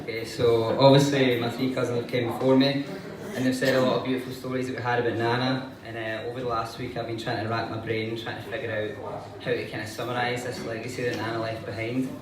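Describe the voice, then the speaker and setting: A man's voice: medium pitch, flat delivery, fast talker, few pauses, a crowd in the background. A young man giving a eulogy, reading it out in a solemn, earnest manner. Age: young adult. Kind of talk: eulogy read to a gathering. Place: large echoey room before an audience. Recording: echoey, distant, noisy room recording.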